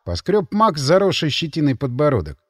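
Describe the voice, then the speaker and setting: A man's voice: a little high, very animated, brisk, dry recording, studio quality. A man narrating an audiobook in the first person, in a wry, matter-of-fact manner.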